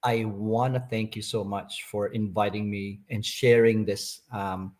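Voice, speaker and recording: A man from Canada in his fifties, a guest on a live online interview, soft-spoken and hesitant, full of ums and uhs. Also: lowish voice, fairly even intonation, unhurried. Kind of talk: casual interview chat.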